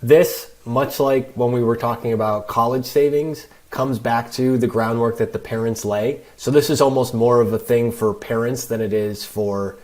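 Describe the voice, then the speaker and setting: Podcast guest: financial advisor, man, mid-pitched voice, emphatic and explanatory. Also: steady tone, moderate pace, few pauses, darkish tone. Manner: emphatic, explains with worked examples. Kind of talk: podcast conversation.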